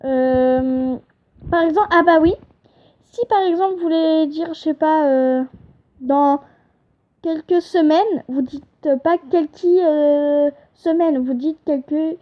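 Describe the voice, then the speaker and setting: A young woman with a high voice teaches a casual lesson at home, chatty and a little hesitant, stopping to correct herself. The recording is dull and lo-fi. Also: slow. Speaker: channel host teaching an invented language.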